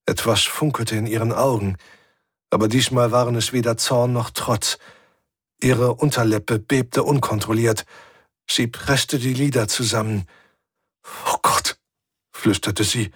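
A man reading a first-person story aloud in a measured, tense storytelling manner. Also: medium pitch, fairly even intonation, slightly rough, no echo, studio quality. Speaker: audiobook narrator. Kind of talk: first-person science-fiction audiobook narration.

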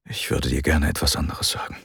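A man voicing a weary, grieving male general who speaks quietly and heavily in an audiobook. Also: rumbling low, little pitch movement, a little fast, creaky, slightly rough, no echo, clean studio sound, heavily acted. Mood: gentle. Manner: hushed, quiet and heavy. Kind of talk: audiobook character voice.

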